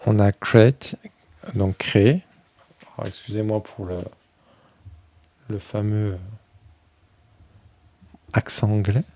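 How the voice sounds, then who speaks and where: A man chatting casually through a review of a tarot deck, filling pauses with "euh" and thinking aloud as he goes. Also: fairly low pitch, little pitch movement, warm tone, no echo. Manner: chatty, many fillers, thinks aloud while flipping cards.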